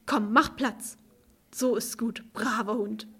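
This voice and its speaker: A woman voicing an excitable party hostess in a storybook, shrieking and bossy. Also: on the high side, takes it slowly, husky, full character voice. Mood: scolding.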